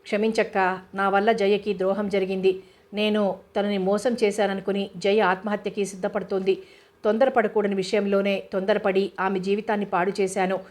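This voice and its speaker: A woman's voice: mid-range voice, flat delivery, moderate pace, a little mellow, lightly acted. A woman voicing a remorseful young man who apologizes and pleads with his elder sister, read in an audiobook. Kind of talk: audiobook character reading.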